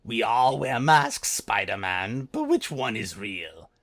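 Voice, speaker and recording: A sinister taunting villain, as a man plays him, in a slow gravelly voice that swings widely in pitch. He teases deliberately in a voice-acting demo. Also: lively intonation, a bit bright, exaggerated voice. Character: Green Goblin, sinister taunting male villain.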